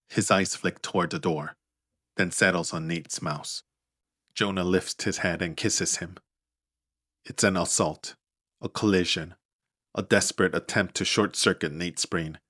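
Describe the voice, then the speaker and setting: Male author-narrator, very deep voice, steady audiobook read. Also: no echo, studio quality.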